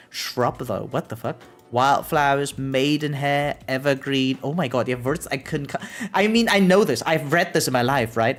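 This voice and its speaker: The clip features a game streamer talking loosely on a live stream, voice mid-pitched, working through ideas aloud. Music plays in the background, and the rambling speech keeps checking in with "right?".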